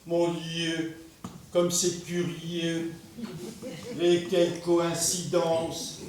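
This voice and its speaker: Stiff polite gentleman played by a man, slow and level-toned, heard far off in a very echoey room. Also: fairly high pitch, completely flat delivery, background noise. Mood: formal, wondering. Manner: slow, ceremonious, repetitive politeness. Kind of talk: stage play performance. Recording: echoey room, miked from afar.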